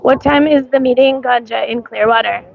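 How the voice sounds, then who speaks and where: A woman livestreams outdoors at a street parade, rambling casually with many ums and greeting viewers by name. She has a mixed accent and a voice scratchy from coughing, a little high and creaky with fairly even intonation at a moderate pace, and the highs are cut off.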